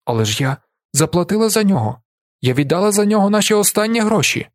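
A man's voice: lively intonation, fast, no echo, studio quality. Man playing a desperate pleading mother. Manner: pleading, raised high voice. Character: desperate poor woman, mother, widow.

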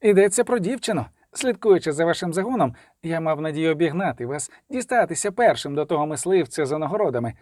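A man voicing a panicked captive male sorcerer spy who pleads in shrill, rushed bursts. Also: expressive, a little mellow, no echo, clean studio sound. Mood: pleading.

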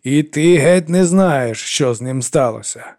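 A man's voice: a little high, expressive, unhurried, a little mellow, voice pushed up. A man voicing an older woman who scolds and mothers a troubled girl in an audiobook. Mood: stern. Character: older woman, stern yet kindly widow.

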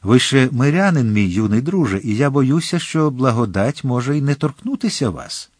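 A pedantic, insistent Jesuit priest, as a man reads him. He lectures in a lively, rising and falling voice. It is recorded dry and close, an audiobook with no room sound. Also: mid-range voice, normal speed, dry recording, close to an everyday voice. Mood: stern lecturing.

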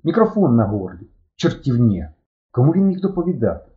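A man voicing an excitable, cocky boy in a read-aloud story, who blurts out quick, jumpy exclamations. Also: medium pitch, close to an everyday voice. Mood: excited. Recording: muffled lo-fi recording.

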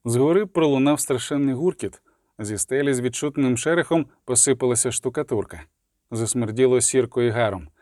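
A man's voice: mid-range voice, fairly quick, mellow, no room sound, studio quality. A man narrating a fantasy audiobook with a vivid, dramatic reading.

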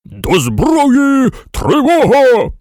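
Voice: medium pitch, big pitch swings, moderate pace, a bit bright, no room sound, studio quality. A narrator voicing a hot-tempered male army general who barks orders in a storybook reading. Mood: alarmed. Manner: blustering, barking commands. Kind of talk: audiobook character voice.

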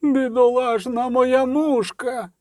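A man voicing a market trader woman wailing over her dead dog and shouting for the culprit to be seized, drawn out and shrill. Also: steady tone, slow, no room sound, studio quality. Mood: wailing, furious.

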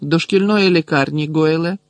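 A stern male teacher speaks slowly and quietly, with icy contempt in every word, as a man puts him on in a storybook reading. The voice sits close to the microphone in a dry, dead space. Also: a little high, no room sound, pitched above the performer's own voice, lightly acted. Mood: cold.

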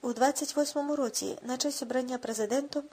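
A woman voicing a tall, witty young man in a storybook reading, dry and unhurried. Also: high-pitched, darkish tone, slightly rough. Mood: teasing.

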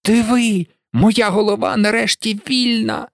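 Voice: mid-range voice, sing-song, normal speed, no echo, studio quality, pitched above the performer's own voice. A reader voicing a bewildered, polite little girl in a storybook recording, earnest and a little unsure. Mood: wondering. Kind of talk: audiobook reading.

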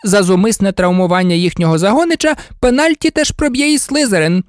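A man's voice: high-pitched, a little fast, no echo, clean studio sound, voice pushed up, lightly acted. A man reading an audiobook, voicing a strict, commanding woman referee and teacher. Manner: sharp, commanding. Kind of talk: audiobook character voice.

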